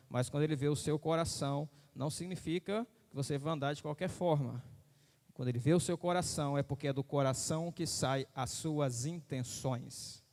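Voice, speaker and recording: Delivering a sermon, a male pastor with a voice a little high for a man repeats phrases emphatically, pressing listeners to pay attention and asking if they follow. His words ring out in a hall, each phrase trailed by a long reverb.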